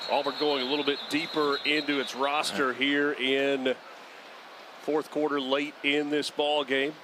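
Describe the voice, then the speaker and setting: Brisk play-by-play man over stadium noise. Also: on the high side, flat delivery. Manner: brisk, rises sharply on big plays. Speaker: play-by-play announcer. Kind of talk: live sports commentary.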